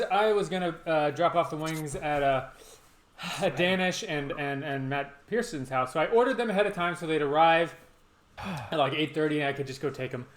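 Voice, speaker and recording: Roomy-sounding middle-aged man, halting storyteller. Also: fairly high pitch, a bit bright. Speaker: podcast host and challenge organiser. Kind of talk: casual chat and storytelling. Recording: roomy, echoing sound with background noise.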